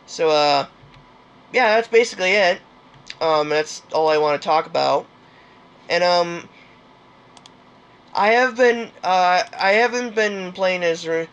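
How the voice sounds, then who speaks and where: A man's voice: a little high, a bit bright. A young man hosting a gaming channel, chatting casually and hesitantly with many fillers and restarts. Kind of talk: casual game commentary outro.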